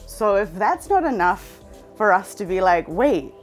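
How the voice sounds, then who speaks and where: A woman's voice: medium pitch, very animated, measured pace. A woman in her thirties from South Africa, the founder of an exhibition, speaking eagerly in an interview with many filler words. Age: 30s. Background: music.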